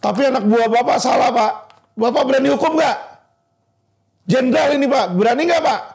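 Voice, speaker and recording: A man's voice: very high voice, brisk, gravelly, noisy background. A man speaking as a lawyer, delivering a heated legal commentary and repeatedly addressing an official as "Pak," in a manner. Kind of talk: impassioned legal commentary video.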